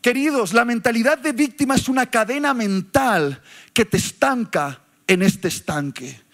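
A male pastor preaching a sermon with passion, shouting some points for emphasis. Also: very high voice, lively intonation, normal speed.

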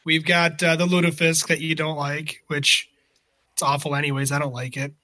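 A man's voice: on the high side, flat delivery, normal speed, pushed and bright. A man hosting a sports podcast, chatting casually and teasing his co-host. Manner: joking, teasing banter.

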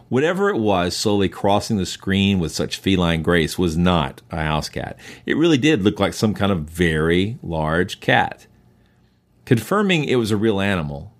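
An American man hosting a science show, narrating from a script in a curious, measured, explanatory way. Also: low voice. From US East Coast. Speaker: host of a science podcast.

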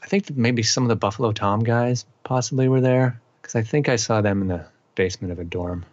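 With a mid-range voice and a slightly quick pace, a middle-aged musician from eastern Massachusetts chats casually as a guest, relaxed, wandering and heavy on fillers. There's no room sound, and the audio is dull.

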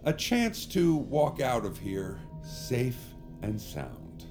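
In an audio drama set over music, a male actor plays a smarmy, theatrical celebrity posing as a savior. His medium-pitched voice swings hugely in pitch at a slow pace, and he sounds pompous, evasive, grandiose and reassuring.

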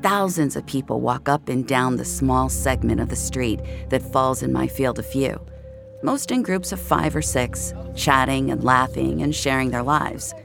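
Medium-pitched, unhurried and gravelly, the voice narrates a scripted first-person audio drama over background music. The actor plays Jamie, an introspective young VR social-space regular, speaking in a reflective, intimate, confiding way.

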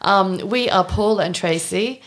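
A woman's voice: mid-range voice, a little slow. A woman co-hosting a podcast, chatty and giggly with hesitant ums. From England. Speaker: podcast co-host. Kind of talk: casual chat.

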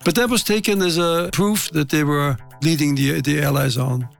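A man giving deliberate, halting commentary as an interviewed expert. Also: a little high, creaky, faint music behind. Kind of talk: unscripted interview talk.

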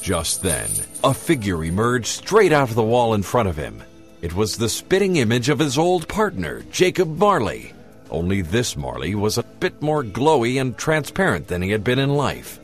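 A man's voice: mid-range voice, wildly swooping pitch, normal speed, faint music behind. A man narrating a scripted audio drama story as its storyteller.

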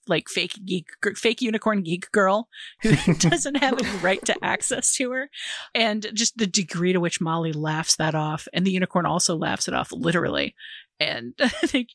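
A woman's voice: lowish voice, no echo. A woman hosting a film discussion podcast, articulate and enthusiastic as she steers the talk.

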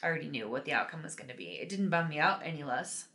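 Woman, bright voice, animated, casual chat, podcast co-host. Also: low-pitched, very fast. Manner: chatty, animated storyteller.

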